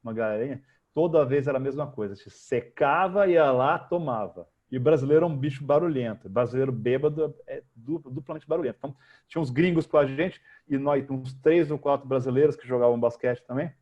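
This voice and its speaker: A man with a Brazilian Portuguese accent, a guest telling lively, slangy anecdotes in a casual interview. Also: mid-range voice, a little fast, muffled recording. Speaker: guest, futurist.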